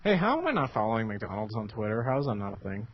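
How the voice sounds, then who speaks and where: A man's voice: on the low side, big pitch swings, fast, slight background noise. A man co-hosting a casual gaming podcast, rambling with a wry, offhand manner. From United States. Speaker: podcast co-host. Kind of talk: casual chat. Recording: dull lo-fi podcast mic.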